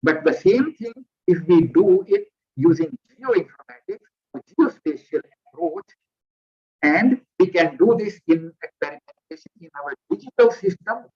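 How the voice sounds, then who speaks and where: Male lecturer, high voice, dull lo-fi headset audio on a video call, careful explainer. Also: big pitch swings, normal speed, breathy edge. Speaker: visiting lecturer. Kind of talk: online lecture.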